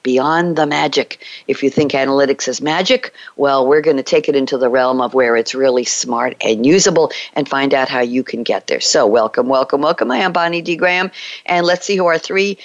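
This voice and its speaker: A woman hosting a business podcast panel, bubbly and quick to laugh, on muffled lo-fi audio. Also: a bass voice, no echo. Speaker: show host.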